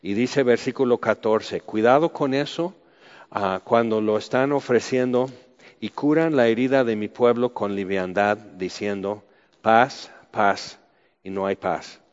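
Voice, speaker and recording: A man's voice: on the low side, measured pace. Man reading and explaining scripture. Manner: reads scripture then comments in a loose conversational way. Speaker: preacher. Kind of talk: Bible reading with sermon commentary. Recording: dull roomy recording with long reverb.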